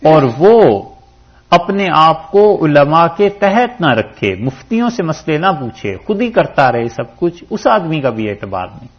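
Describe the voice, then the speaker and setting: A man from Pakistan giving a religious lecture on Quran commentary, teaching with animated rises and drops for emphasis. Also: on the high side. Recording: dull lo-fi lecture recording.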